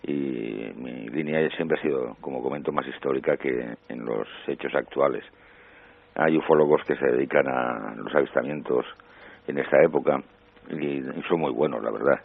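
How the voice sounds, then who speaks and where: A man explaining his research as a radio guest over the phone, in a measured, explanatory way. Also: very deep voice, vocal fry, slightly rough, narrow, tinny audio.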